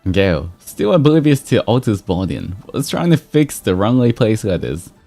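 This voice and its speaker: A livestream host with a low, mellow voice reads fan fiction aloud, mixing expressive storytelling with casual chat over background music. He takes his time at a moderate pace, his pitch shifting in a lively, amused way.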